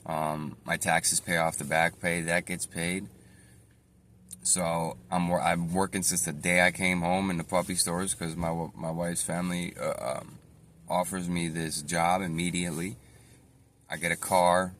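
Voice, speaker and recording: Deep-voiced man, rambling storytime. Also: flat delivery, fairly bright tone, a little hiss or hum. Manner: rambling, halting, with frequent fillers and self-corrections. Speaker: storyteller recounting his own life. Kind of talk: casual spoken storytime.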